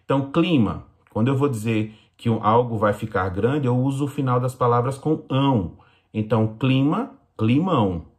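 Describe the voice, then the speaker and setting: A man teaching young children in Brazilian Portuguese, explaining slowly and patiently in a recorded lesson. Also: medium pitch. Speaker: primary school teacher.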